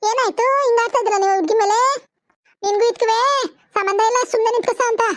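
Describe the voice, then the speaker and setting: A woman's voice: very high voice, fairly even intonation, fast talker, no room sound, clean studio sound. A woman voicing an outspoken, scolding village aunty in a cartoon. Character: blunt neighbourly village aunty. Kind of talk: cartoon voice acting.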